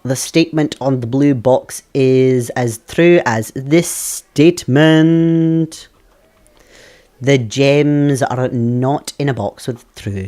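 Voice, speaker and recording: A young Scottish man with a mellow, mid-range voice streams a puzzle game live. He chats with his viewers, thinks out loud, and laughs a lot.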